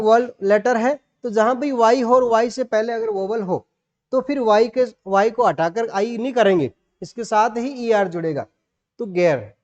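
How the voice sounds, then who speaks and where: His voice is high-pitched and somewhat dark, carrying a Rajasthani Indian accent as he teaches grammar online. Rules are explained one step at a time, with words spelled letter by letter, on dull lo-fi audio.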